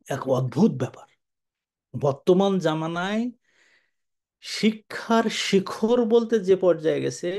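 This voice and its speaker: An older man giving a sermon-style Quran commentary, lively and colloquial, moving between slow Arabic recitation and quick speech. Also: on the high side, vocal fry.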